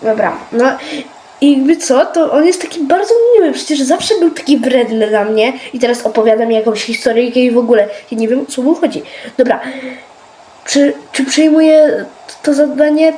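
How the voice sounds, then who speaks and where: A woman's voice: on the high side, dark tone, slight background noise. A young woman with a stuffy nose from a cold, chatting casually and reading game dialogue aloud while she plays. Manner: chatty, swears lightly, reads quest text quickly. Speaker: gaming video creator.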